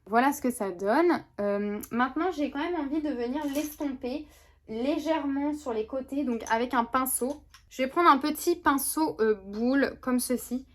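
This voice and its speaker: A woman's voice: high voice, moderate pace. Chatty woman explaining a makeup look. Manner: chatty, rambling with many fillers and restarts. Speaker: beauty vlogger. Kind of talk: makeup tutorial chat. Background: neighbor's lawnmower.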